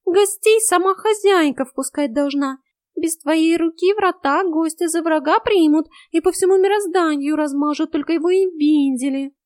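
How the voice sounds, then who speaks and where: A woman's voice: very high voice, moderate pace, darkish tone, dry recording, pitched above the performer's own voice. A woman voicing a grumpy, rude male house cat who scolds and carries on theatrically in a storybook. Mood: agitated.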